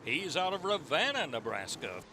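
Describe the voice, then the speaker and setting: Tractor pull announcer guy, kinda high voice that moves up and down a lot, noisy track behind. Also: very animated, normal speed, creaky. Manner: presentational, introducing and recapping. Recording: noisy outdoor track with engine noise. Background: outdoor ambience and vehicle engines.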